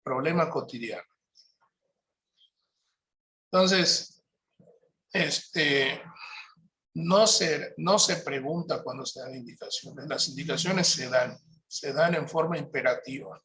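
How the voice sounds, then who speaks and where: A man with a somewhat high voice gives a parenting workshop. He explains each point in a calm, instructive tone. He often pauses to check in with his audience. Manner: checks in with listeners by asking "¿Sí?".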